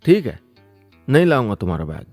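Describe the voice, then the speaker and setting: A man voicing an exasperated young boyfriend in an audio story, speaking quickly and pleadingly. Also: mid-range voice, sing-song, a little mellow, dry recording, faint music behind, pitched below the performer's own voice.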